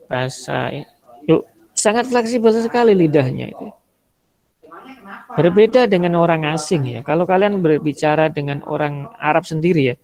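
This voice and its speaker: A man's voice: on the high side, a little mellow. A man from Indonesia teaching an online Arabic rhetoric lesson in a conversational way, explaining with spoken examples. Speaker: religious teacher.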